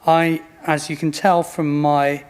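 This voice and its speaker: Male, late 50s, modern British RP accent, slightly raised pitch, presenting a product informally as a company representative. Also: little pitch movement, slow pace, clean tone. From Bristol, England. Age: late fifties.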